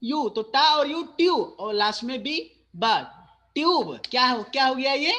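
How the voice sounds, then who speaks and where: A man's voice: very high-pitched, animated, normal speed, bright, forceful tone. A male school teacher giving an online phonics lesson, mixing Hindi and English, patiently repeating and quizzing his students.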